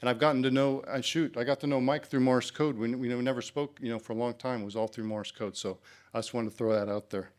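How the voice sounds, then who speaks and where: A man's voice: medium pitch, steady tone, quick pace. A man giving a conference presentation for a club, speaking in a casual, encouraging way with plenty of ums and uhs. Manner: casual, encouraging, many fillers.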